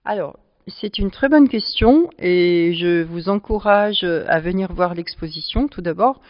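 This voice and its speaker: A woman who presides over a charity club, answering interview questions at length and pausing often to find her words. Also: fairly low pitch, dry recording. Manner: explanatory, speaks at length with frequent hesitations. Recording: dull lo-fi sound.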